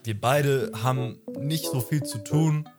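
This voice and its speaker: Over music, a man in his twenties co-hosts a podcast at a measured pace in a mid-range voice. The chat is casual; he rambles, corrects himself, and often breaks into laughter.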